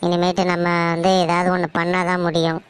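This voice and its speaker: A woman's voice: lowish voice, completely flat delivery, a little fast, clean tone, lightly acted. A woman voicing a blunt, commanding older mother-in-law in a cartoon story, with a Tamil Nadu accent. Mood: resolute.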